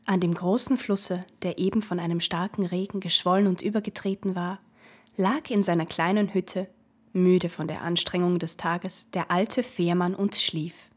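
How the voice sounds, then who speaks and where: A woman narrating a classic fairy tale in a measured, clear storytelling manner. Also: on the low side, steady tone.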